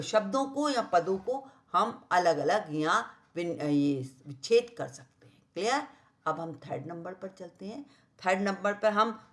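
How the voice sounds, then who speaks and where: A woman teaching a school grammar lesson at an unhurried, deliberate pace, her voice sitting at an ordinary middle pitch. She says words over as she writes them out and keeps stopping to check that the children follow. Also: a bit bright. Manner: keeps checking understanding with "clear?" and "right?"; repeats and spells out words slowly while writing.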